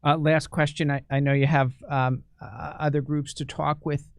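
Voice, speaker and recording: A middle-aged man hosting an interview, asking questions in a measured way with halting restarts. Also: fairly high pitch, level tone, creaky, clear, resonant tone, no echo, clean studio sound. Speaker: interview host, journal editor.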